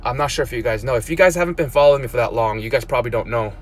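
A man in his thirties who grew up in South Korea talks through a casual live-stream monologue from the seat of a parked car. His pitch sits in the middle of the male range, and he rambles, often stopping to restart a sentence or repeat a word. The phone is held at arm's length, with a faint hum of ambience behind him. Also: rapid-fire. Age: 30s. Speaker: blogger.

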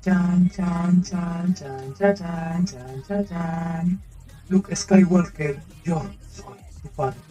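A woman's voice: fairly low pitch, very slow, mellow, faint music behind, pitched below the performer's own voice. A woman voicing a solemn, mock-dramatic movie-villain father. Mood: mock ominous.

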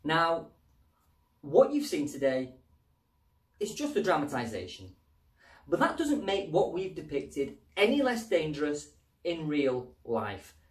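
A man narrating a mock-serious public information film in an earnest, grave, measured way. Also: on the high side, wildly swooping pitch. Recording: roomy, distant mic.

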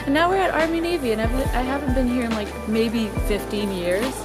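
A young woman in her twenties chatting casually to a handheld camera as a vlogger, bubbly and quick with asides. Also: a little high. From Canada. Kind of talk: casual vlog chat. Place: car, thrift stores and shops. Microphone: handheld camera at arm's length. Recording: music bed underneath.

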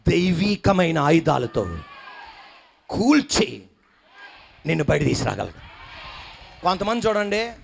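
A man's voice: fairly high pitch, creaky. A man preaching a sermon to a church congregation, emphatic, firing questions and coaxing the listeners to respond. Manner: coaxes the congregation to repeat and smile. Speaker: pastor. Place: church hall before a congregation.

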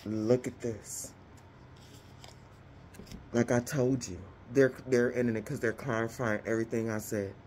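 A woman's voice: rumbling low, fairly even intonation, a little slow, pauses often, noisy background. A woman doing a casual tarot reading, talking to her viewers in a slangy, exclamatory way. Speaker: tarot reader.

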